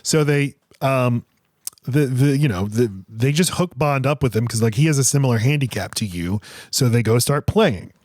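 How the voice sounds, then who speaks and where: A man's voice: mid-range voice, normal speed, darkish tone, dry recording, studio quality. A man co-hosting a movie review podcast in casual chat, rambling and restarting sentences, slipping into silly voices to quote scenes. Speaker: podcast co-host.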